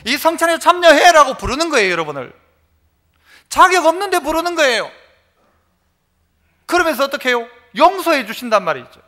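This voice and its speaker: A male pastor delivers an emphatic sermon in a high, bright voice. His pitch swings widely as he leads the congregation to repeat phrases and tells homely stories. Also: very animated, brisk, pauses often. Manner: storytelling with homely examples. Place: church service.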